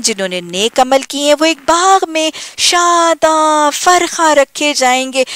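A woman with a Pakistani Urdu accent giving a Quran lesson, earnest and emphatic, slowing down for Arabic recitation. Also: medium pitch, fairly bright tone, clear, resonant tone, no room sound. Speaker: Quran teacher.

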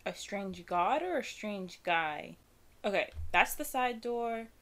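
A woman's voice: medium pitch, expressive, slow, fairly bright tone. A young woman giving casual, self-deprecating commentary while playing a game, chatty and nervous. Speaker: gaming streamer. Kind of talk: casual let's-play commentary.

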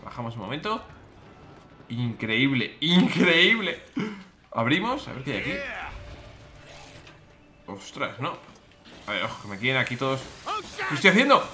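A man with a Spain Spanish accent doing let's play commentary as a gaming YouTuber, excitable and exclamatory, often repeating his words. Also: mid-range voice, normal speed, pauses often, slight background noise.

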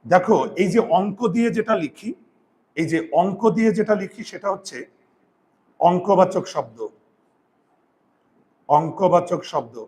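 A male grammar teacher giving a lesson, repeating key terms slowly, counting aloud and telling students to write things down. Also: high-pitched, darkish tone. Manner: counts aloud and asks rhetorical check questions. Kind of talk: classroom-style grammar lesson.

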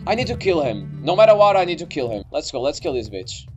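A young man commentates a game in a high, very animated voice. He is excitable and easily startled, swearing freely as he plays. Faint game music runs behind him. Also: fast talker, muffled recording. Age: young adult. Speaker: gaming video creator. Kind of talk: let's play game commentary.

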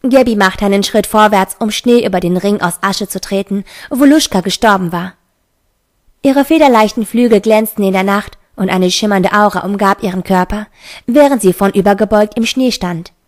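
A woman's voice: mid-range voice, normal speed. Woman reading a fantasy audiobook. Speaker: narrator.

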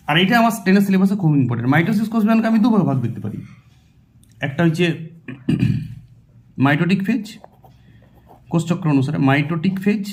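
A man's voice: sits high, a little mellow. A man with a West Bengal Bengali accent teaching a biology exam-prep lesson, asking questions and answering them himself and repeating terms as he writes them out. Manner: explains by asking and answering his own questions; repeats terms while writing on a board.

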